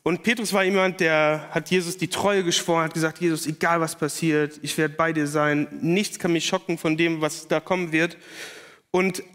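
A man giving a casual, lively youth sermon and using slang. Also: on the high side, normal speed. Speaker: youth pastor. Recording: long hall reverb.

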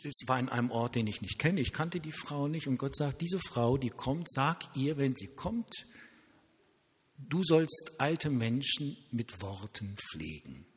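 A male pastor preaching a sermon, telling lively stories and acting out quoted dialogue. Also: medium pitch, breathy edge, big-room sound.

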